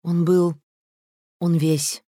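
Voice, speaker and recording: A man reading an audiobook story, voicing a fragile young woman chess player who speaks in halting, trembling phrases with a raised voice. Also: a little high, little pitch movement, dark tone, no echo, studio quality, voice pushed up.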